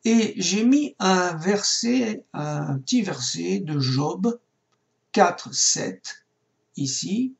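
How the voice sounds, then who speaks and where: Slow, patient man teaching Hebrew grammar. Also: high voice, animated, vocal fry. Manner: slow, patient, spelling out words. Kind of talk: recorded lesson.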